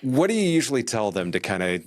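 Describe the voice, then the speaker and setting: A man's voice: mid-range voice, fast, no room sound, clean studio sound. A man hosting a podcast interview, talking casually with lots of fillers and restarts. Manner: animated, many fillers and restarts. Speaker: podcast host. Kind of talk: conversational interview.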